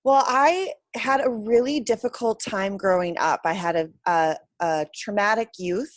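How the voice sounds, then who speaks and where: A woman's voice: mid-range voice, measured pace, no echo. A woman answering interview questions as a guest in a candid, reflective conversational way. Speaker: interview guest, self-confidence coach.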